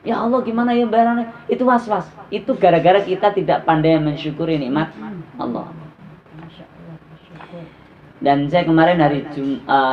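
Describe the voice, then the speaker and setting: A man preaching a sermon to a women's study group, stressing points with rhetorical questions to his listeners. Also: on the high side. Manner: emphatic, rhetorical questions to the audience. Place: mosque study gathering. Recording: dull lo-fi recording with crowd.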